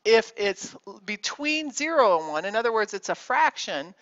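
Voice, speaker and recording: A woman's voice: a little high, very animated, normal speed, a bit bright. Casual woman teaching math, slightly muffled. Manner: casual, self-correcting, thinks aloud with fillers. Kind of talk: recorded math lesson.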